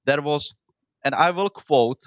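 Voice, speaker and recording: A non-native English-speaking man with a foreign accent and rolled r's takes part in a casual political debate, frequently stalling and repeating words. His voice sits a little high and sounds somewhat bright, and the recording is dry.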